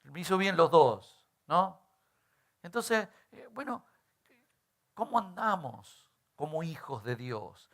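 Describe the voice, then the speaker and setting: A man's voice: a little high, sing-song, slow, long pauses, a bit bright. A middle-aged male pastor, preaching in a conversational way and often tagging on rhetorical questions. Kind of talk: sermon.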